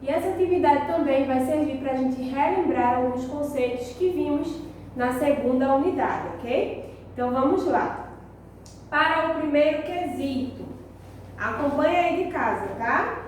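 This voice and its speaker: A woman teacher giving a recorded school lesson, explaining slowly and checking in with her pupils. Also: high-pitched, a little mellow, a little hiss or hum. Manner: slow, deliberate explaining with frequent check-ins. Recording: very echoey, distant mic.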